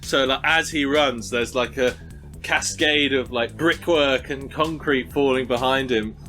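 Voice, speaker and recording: A man's voice: medium pitch, a little slow, sharp tone, soft background music. A man playing a tabletop game, chatting casually with hesitant restarts as he plans his moves. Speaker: player.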